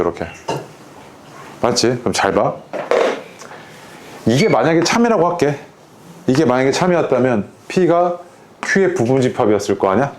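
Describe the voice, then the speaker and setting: A man's voice: medium pitch, darkish tone, a little hiss or hum. A man teaching a math lesson in a casual, conversational way, often asking his students whether they follow. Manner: casual, keeps checking in with students. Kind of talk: lecture to students.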